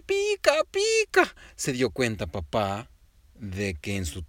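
A man telling a child an improvised bedtime story, gently and animatedly addressing the listener. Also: fairly low pitch, slow pace, no echo, studio quality.

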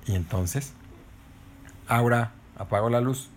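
A woman narrating a bedtime story to her child in a playful, animated way. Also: rumbling low, takes it slowly, a little hiss or hum. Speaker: mother telling a bedtime story.

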